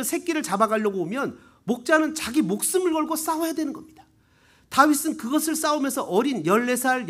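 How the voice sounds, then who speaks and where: A male pastor delivers a Sunday sermon in an emphatic way, putting question after question to his congregation. His pitch climbs and falls widely from phrase to phrase. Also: a bit bright. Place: church during live Sunday worship.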